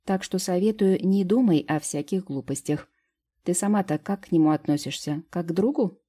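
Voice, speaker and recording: A woman's voice: lowish voice, moderate pace, mellow, slightly rough. A woman doing a bossy, teasing fairy sister. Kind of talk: audiobook character reading.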